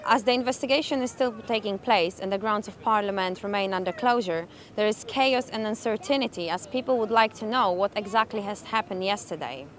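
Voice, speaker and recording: A woman's voice: medium pitch, a little fast, few pauses. A young woman reporter reading a scripted news report in a careful, read-aloud manner. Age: young adult.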